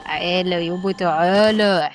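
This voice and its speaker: A woman's voice: fairly low pitch, normal speed, slight background noise. A woman with an Egyptian accent giving casual let's-play commentary, chatty and exclaiming, bantering with game characters. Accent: Egyptian Arabic. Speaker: gaming YouTuber.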